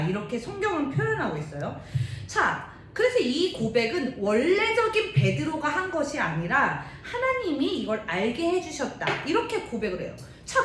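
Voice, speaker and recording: A woman teaching young people, retelling a Bible story in a chatty, animated way. She keeps turning to the class with questions. Her voice is fairly high and swings widely, and a roomy echo and faint rumble surround her.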